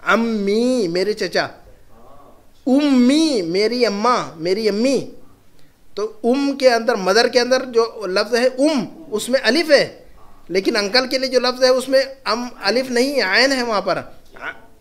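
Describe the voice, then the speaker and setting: A man teaching an Arabic class with an Urdu accent, slowly repeating each phrase and checking that students understand. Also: very high voice, expressive, a bit bright. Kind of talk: classroom lesson.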